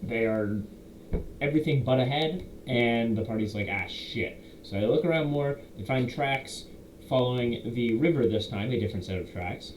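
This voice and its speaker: A man's voice: mid-range voice, darkish tone. A young man in a casual, rambling monologue, recapping a tabletop campaign as its game master and correcting himself as he goes. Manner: rambling, self-correcting, quotes players in quick asides. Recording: roomy echo, faint background hiss.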